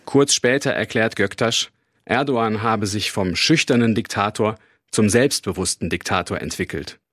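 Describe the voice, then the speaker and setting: A male reporter reading a scripted radio news report in a matter-of-fact tone. His voice sits on the low side for a man. The recording is dry and close. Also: normal speed, fairly bright tone, no echo.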